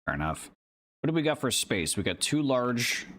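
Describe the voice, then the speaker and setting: A man's voice: medium pitch, sing-song, normal speed, a bit bright. A young man streaming a game, chatting casually with a friend, swearing and laughing easily. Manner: laughing, loose, swears a lot. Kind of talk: casual gaming chat. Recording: faint background noise.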